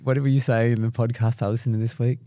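A man co-hosting a podcast, chatting in a relaxed, agreeable way and reading out verses. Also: medium pitch, quick pace, no echo. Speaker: podcast co-host. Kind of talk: casual Bible discussion.

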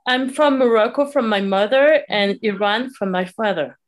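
A woman from France, a guest DJ talking in a relaxed, casual interview. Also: fairly high pitch, normal speed.

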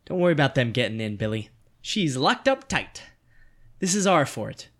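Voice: medium pitch, very animated, moderate pace, fairly bright tone. A tough boy of about eleven who looks out for his younger friend, as a performer plays him. His voice swings up and down with swagger, bossy and protective. It is a screenplay table read. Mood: reassuring.

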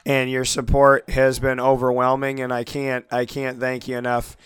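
Hosting his own internet sports talk show solo, a man whose voice is going speaks in a completely flat, mid-range delivery at normal speed. The recording is dry, and his voice is a bit bright and smooth as he talks earnestly and gratefully, with many restarts.

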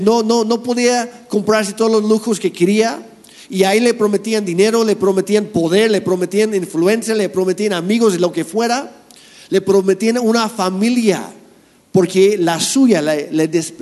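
A man's voice: sits high, darkish tone, in a large hall. A man preaching a sermon in an earnest, explanatory way.

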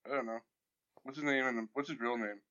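A man chatting casually with friends, halting and deadpan with many fillers. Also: medium pitch, dull audio. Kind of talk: casual chat.

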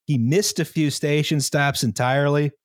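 A man's voice: fairly high pitch, fairly even intonation, normal speed, no echo. Man explaining in a dry recording. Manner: explains at length, tags lines with "right?", many fillers. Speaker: podcast host presenting the history. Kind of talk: casual history podcast chat.

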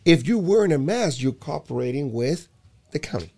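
A man from Puerto Rico who runs a youth basketball program, speaking in a casual conversation with an animated, emphatic delivery and frequent repeated words. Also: fairly high pitch, moderate pace, vocal fry.

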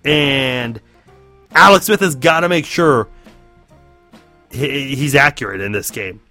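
An American man with a rough, hoarse, strained voice, giving solo football commentary as a podcast host. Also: mid-range voice, slow, pushed and bright. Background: music.

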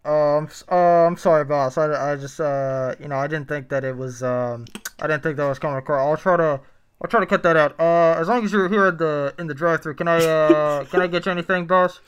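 A man voicing an indifferent young male fast-food worker as if over a drive-thru speaker, hesitant and full of uhs. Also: fairly high pitch, fairly even intonation, fairly bright tone, clean tone, lo-fi sound. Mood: sheepish. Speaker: podcast co-host. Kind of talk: improvised comedy bit.

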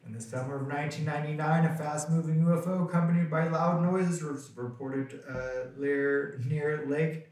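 A man's voice: on the high side, fairly even intonation, normal speed, a little mellow, far from the mic. Man reading notes in a very echoey room. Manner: reads out reports, stumbles over place names. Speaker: podcast co-host. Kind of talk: reading facts in casual chat.

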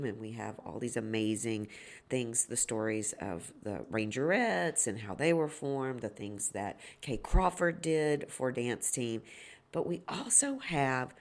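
A woman with a gravelly, slightly sniffly, hoarse voice, hosting a solo podcast and explaining things reflectively as an educator. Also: rumbling low. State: hoarse and slightly sniffly after a long day of judging. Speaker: podcast host and dance educator. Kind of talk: solo podcast talk, informal teaching.

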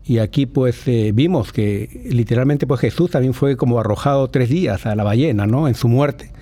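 A man giving a thoughtful, casual commentary on a Bible reading, pausing often with fillers. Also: mid-range voice, dark tone. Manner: thoughtful, with many fillers and tag questions. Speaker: co-host commenting on scripture.

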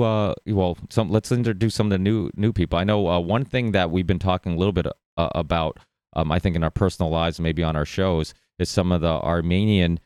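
Deep-voiced man hosting a live panel. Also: darkish tone, smooth, no echo, studio quality. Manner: loose and friendly, with many fillers and restarts. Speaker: host. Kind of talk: casual panel show hosting. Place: online live show.

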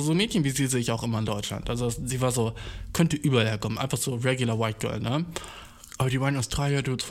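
A young man, hosting a podcast and telling a story in casual, slangy speech, swearing freely and mixing in English words. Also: mid-range voice. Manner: animated, jumps into exaggerated voices. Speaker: podcast host.

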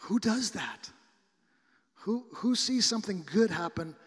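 A man's voice: high-pitched, animated, a bit bright, big-room sound. A man from the American Midwest preaching a sermon in a casual, conversational way, often stumbling and restarting his sentences. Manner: conversational, halting, frequent restarts.

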